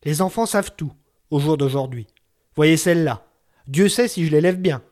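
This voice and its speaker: A brusque old neighbor woman, voiced by a man reading a story, bossing everyone around with gruff authority in a raised, higher voice. She scolds and fusses at length and never softens into sweetness. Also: normal speed, lightly acted. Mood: grumbling. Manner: brusque, bossy and fussing.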